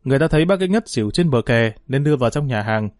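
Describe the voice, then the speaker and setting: A man's voice: medium pitch, lively intonation, very fast, no room sound, studio quality, faint music behind, lightly acted. A man voicing a worried young man who stammers anxiously, in a storybook reading.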